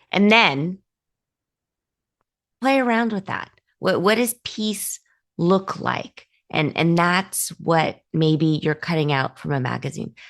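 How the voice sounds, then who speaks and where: A woman talks casually to her listeners as a motivational podcast host. Her voice sits low and has a gravelly fry. She encourages them in a chatty way, dotted with ums and small restarts. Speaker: podcast host and life coach.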